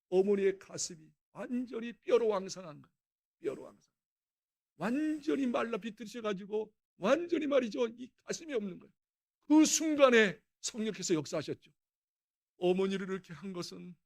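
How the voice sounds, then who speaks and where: A middle-aged male pastor preaching a dawn prayer sermon, telling a story and acting out quotes with sudden loud outbursts. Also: sits high.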